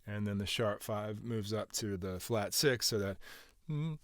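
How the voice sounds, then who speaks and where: Man, low voice, smooth and resonant, dry close sound, rambling music production tutorial. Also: a little slow, no room sound. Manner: rambling, many filler words and restarts.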